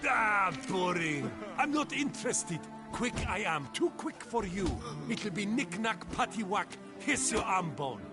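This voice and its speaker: A man's voice: high-pitched, very animated, a little slow, few pauses, music in the background. A man voicing a cocky male fighter who taunts in a singsong way. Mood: mocking.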